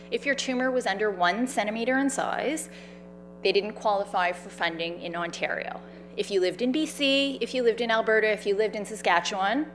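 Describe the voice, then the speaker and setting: On an event stage, a loud-voiced woman shares her personal story in an animated, chatty style, full of fillers and quoted dialogue. She acts out the people she describes, speaking at a mid-range pitch.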